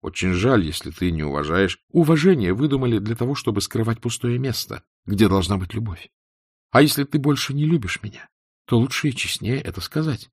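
A man's voice: medium pitch, lively intonation, fairly quick, slightly rough, no echo, clean studio sound. A man voicing a proud, wounded young noblewoman in a reproachful, emotionally raised delivery. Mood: bitter.

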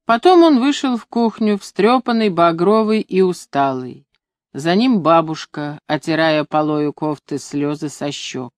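A reader narrating a literary story with measured, expressive delivery. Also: mid-range voice, no echo, studio quality.

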